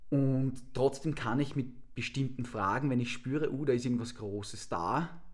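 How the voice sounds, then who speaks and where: A man's voice: medium pitch, a little mellow. Man talking through counseling ideas. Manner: thoughtful, explains at length with restarts. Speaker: counselor and co-host. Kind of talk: casual conversational podcast.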